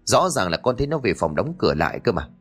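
A man's voice: lowish voice, big pitch swings, fast talker, slightly rough, faint music behind. A man voicing an uneasy young adult son who speaks hesitantly. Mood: pleading. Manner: hesitant, stammering.

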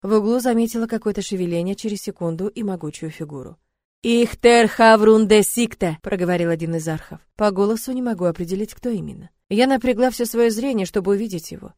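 A woman's voice: mid-range voice, fast talker, few pauses, mellow, no echo. A young adult woman narrating a first-person story with an emotive, dramatic reading.

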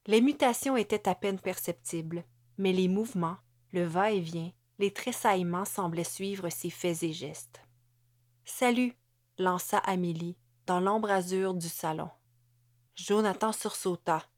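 A woman narrating a novel in a measured, even reading. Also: on the low side, no room sound, studio quality. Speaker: audiobook narrator.

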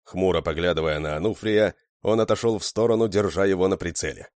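A man with a very low voice narrates a story in steady, scripted style. His reading is even and measured. The sound is close and dry. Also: dry recording. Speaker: audiobook narrator.

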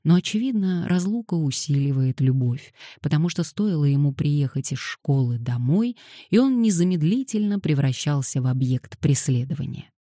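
A woman narrating an audiobook in an even, wry storytelling manner. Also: deep voice, normal speed, dry recording, studio quality.

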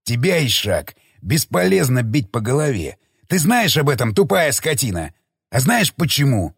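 Brief: male reader as gruff, threatening ex-army commander, audiobook; barking, animated delivery, dry mic. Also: mid-range voice, moderate pace, no room sound, full character voice. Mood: furious. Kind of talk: audiobook character reading.

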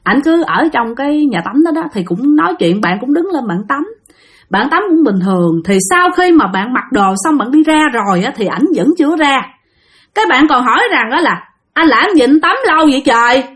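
A woman with a Southern Vietnamese accent tells a spooky story in a chatty, conversational way. She speaks straight to her listeners. Her voice sits fairly high and swings widely up and down. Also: sing-song, moderate pace. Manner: chatty, addresses listeners directly, acts out quotes. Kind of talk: spoken ghost story narration.

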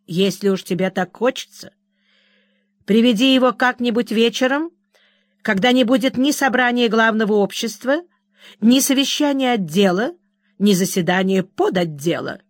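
A woman reading the part of a placid, self-absorbed middle-aged mother who talks calmly and dismissively, in a dry recording. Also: on the high side, moderate pace, no echo, lightly acted. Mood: brisk. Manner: serene, calm and dismissive.

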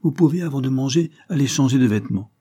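A man reading aloud voices a sharp, curt older spinster sister who speaks dryly and abruptly. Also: fairly low pitch, fairly quick, husky. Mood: curt, scolding. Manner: dry and abrupt.

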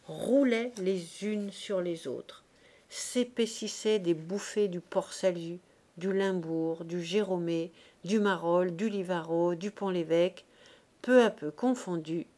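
A woman narrating a classic novel as an audiobook in a measured, expressive reading. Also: on the low side. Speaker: audiobook reader.

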